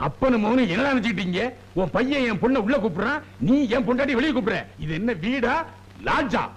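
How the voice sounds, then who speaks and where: A man's voice: very high voice, animated, fast, slightly rough, heavily acted, rough recording. An actor playing an indignant, blustering comic father of the bride who accuses and scolds in a film comedy scene. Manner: angry, accusing.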